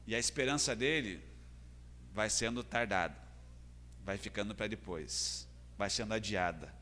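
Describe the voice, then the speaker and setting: A man's voice: fairly low pitch, measured pace, pushed and bright. A man with a Brazilian Portuguese accent preaching a sermon as pastor, earnest and building in intensity. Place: church hall. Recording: long church hall reverb.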